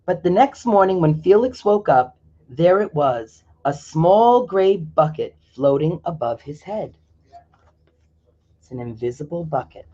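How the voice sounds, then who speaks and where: Reading a picture book aloud to kids, a man with a slightly high, mellow and animated voice keeps a measured pace and stops occasionally to explain things to them. The recording quality is dull and lo-fi.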